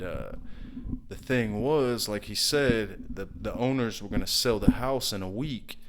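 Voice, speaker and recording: Low-voiced man telling a work story. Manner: relaxed, rambling, lots of "you know" and "like"; acts out an angry customer in quoted bursts. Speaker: guest, brick and mortar contractor. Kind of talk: casual storytelling interview.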